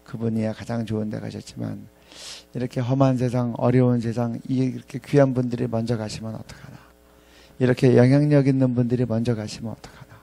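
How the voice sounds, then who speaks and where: Speaking at a ministry staff chapel, a man in his fifties, a professor, gives a reflective sermon that includes scripture readings. His tone is level, mellow and creaky at an average pitch, and his delivery is halting, full of pauses and phrases he returns to and repeats.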